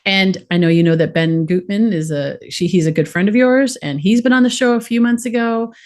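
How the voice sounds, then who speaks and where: A woman's voice: medium pitch, a little fast, a little mellow. A woman hosting a podcast, introducing her guest and asking questions in an upbeat way. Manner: upbeat, enthusiastic. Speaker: podcast host. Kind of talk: scripted introduction then interview.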